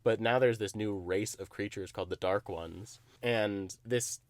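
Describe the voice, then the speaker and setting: A young man co-hosting a podcast in casual chat, swearing freely, animated and laughing often. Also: lowish voice, unhurried, dry recording. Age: young adult. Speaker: podcast co-host.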